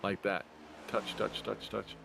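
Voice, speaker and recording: A man calling a race in casual play-by-play. He is chatty and jokey, with quick bursts of excitement. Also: fairly low pitch, vocal fry, noisy background. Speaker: race commentator.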